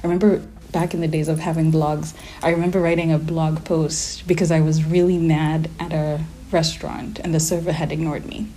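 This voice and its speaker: A woman's voice: sits low, level tone, fairly quick, hardly any pauses, dark tone. A woman in her thirties from Kenya with an American-sounding accent and a slight Kenyan trace, speaking reflectively and casually in an interview. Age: 30s.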